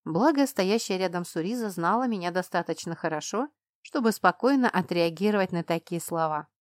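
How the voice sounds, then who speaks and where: A woman narrating a first-person fantasy audiobook with brisk, expressive storytelling. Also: fairly low pitch, no room sound, studio quality.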